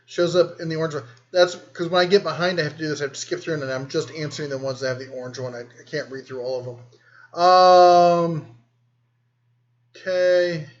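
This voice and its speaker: A man's voice: fairly high pitch, fairly even intonation, moderate pace, lo-fi sound. A man hosting a casual live stream, reading and answering viewer comments in a rambling, easygoing way. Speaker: host.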